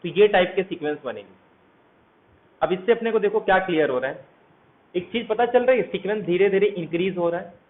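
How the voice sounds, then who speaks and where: A man gives an explanatory math lecture, walking through each step and asking his students questions along the way. His voice sits high and runs a little fast, with long pauses, and the audio is tinny and phone-like with a faint hiss.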